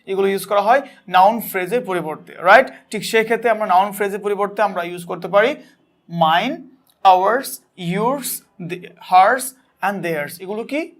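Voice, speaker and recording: A man with a Bangladeshi accent teaching an English grammar lesson, asking questions and answering them himself, and reading example sentences slowly. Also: high-pitched. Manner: asks and answers his own questions.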